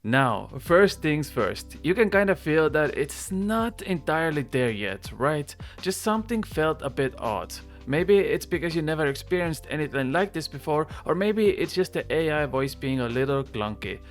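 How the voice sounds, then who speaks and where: A man's voice: fairly high pitch, expressive, moderate pace, few pauses. A man hosting a gaming video with conversational, emphatic, enthusiastic scripted narration. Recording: music bed under voice. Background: background music.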